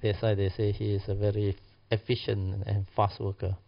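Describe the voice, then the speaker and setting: Malaysian guy teaching class in slangy english, lah and ah tags, kinda low voice, muffled audio. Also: flat delivery, moderate pace, creaky. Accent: Malaysian or Singaporean English. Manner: colloquial slang with clipped phrases and tag particles like lah and ah. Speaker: Buddhist teacher.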